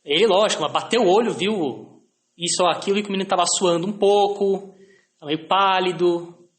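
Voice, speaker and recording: High-voiced Brazilian man telling stories. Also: fairly quick, roomy sound. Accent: Brazilian Portuguese. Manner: anecdotal, frequent tag questions, self-deprecating. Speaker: lecturer.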